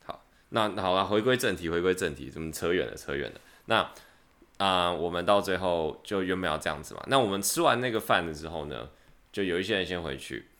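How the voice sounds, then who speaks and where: Fast-talking deep-voiced Taiwanese young man. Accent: Taiwanese Mandarin. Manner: lively anecdote-telling with slangy curses. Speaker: podcast co-host. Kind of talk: casual chat, storytelling.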